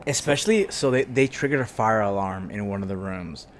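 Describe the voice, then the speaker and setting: A man's voice: fairly low pitch, a little fast, a little hiss or hum. A young man co-hosting a podcast, telling stories in a casual chat, mimicking people and switching between English and Spanish. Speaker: podcast co-host.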